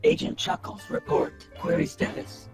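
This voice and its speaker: A man voicing a malfunctioning robot agent with a glitching machine voice, giving clipped, repetitive status reports in a video game. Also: moderate pace. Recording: game audio with loud music behind.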